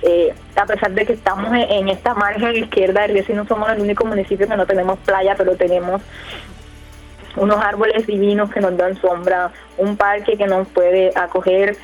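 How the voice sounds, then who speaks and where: A woman's voice: mid-range voice, little pitch movement, normal speed. A woman, a radio guest answering in a casual, hesitant way with many fillers and restarts. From Colombia, Córdoba department. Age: 20s. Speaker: youth council leader, radio guest. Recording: muffled radio audio, faint music behind.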